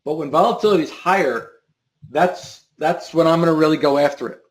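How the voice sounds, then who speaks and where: A man's voice: a little high, fairly quick. Man thinking aloud in an echoey room. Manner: repeats words and restarts often, thinking aloud. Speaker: options trading show host. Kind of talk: live trading stream talk.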